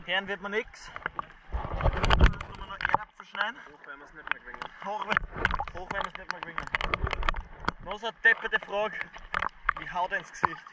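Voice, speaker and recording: Young Austrian man, high voice, far from the mic in noisy water. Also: moderate pace, pauses often. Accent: Austrian German. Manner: joking, mock commentary. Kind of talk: playful banter during a water game. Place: outdoors in water. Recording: distant, noisy outdoor water recording.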